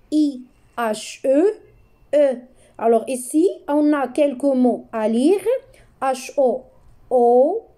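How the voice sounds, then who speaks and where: Woman, reading teacher, very slow, high pitch, mellow tone, patient repetition. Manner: patient, drawn-out, repeats each sound. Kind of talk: slow syllable-by-syllable reading lesson.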